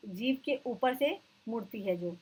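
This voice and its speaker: A woman teacher giving an exam-prep lecture, explaining terms and slowly repeating them for her students. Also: a little high, expressive, husky, low-quality recording.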